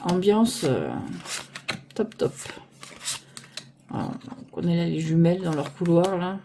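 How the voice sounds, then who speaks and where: This tarot deck reviewer speaks in a fairly low, somewhat slow voice over background noise. She casually presents her decks, rambling and stopping aloud to look for names, while a phone on a holder arm records her.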